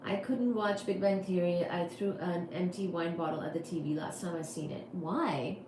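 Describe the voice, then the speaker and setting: A woman's voice: on the low side, moderate pace. Chatty woman in an echoey room. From India. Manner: chatty, wry, answers chat questions. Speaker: livestream host. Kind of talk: casual chat reading viewer comments. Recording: echoey room with faint noise.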